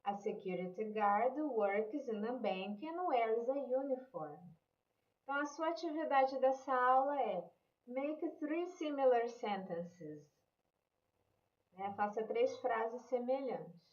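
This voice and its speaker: A woman's voice: a little high, expressive, slow pace, reverberant, lo-fi sound. A woman English teacher with a Brazilian Portuguese accent, patiently explaining an online lesson and checking in with "né?" and "ok?".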